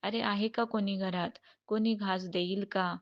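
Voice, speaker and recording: A woman voicing a goddess disguised as a poor old woman in a devotional storybook tale, scolding slowly and indignantly. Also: medium pitch, fairly even intonation, natural voice. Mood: pleading. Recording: dull lo-fi recording.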